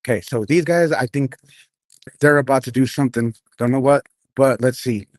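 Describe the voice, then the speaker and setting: Reporting live as an independent journalist, a man rambles informally while interviewing people and commenting on a city street at night. His medium-pitched voice moves at a moderate pace, recorded dry, and his missing front teeth slur his speech.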